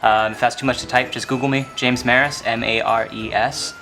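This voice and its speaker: A man's voice: medium pitch, little pitch movement, brisk, vocal fry, music in the background. A man appearing as a guest on a podcast, friendly and upbeat as he plugs his channels. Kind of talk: casual chat.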